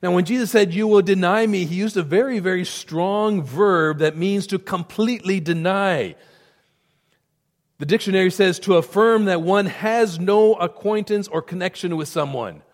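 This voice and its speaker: A man's voice: high-pitched, normal speed. A man preaching a sermon as pastor, earnest and emphatic, often repeating words for stress. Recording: long reverb of a hall.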